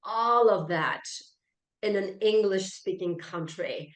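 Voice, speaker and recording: A Frenchwoman with a French accent speaks slowly in a mid-range voice while answering interview questions. She's a native French speaker, keynote speaker, coach and author who comes across as emphatic and self-assured. The audio has a roomy echo.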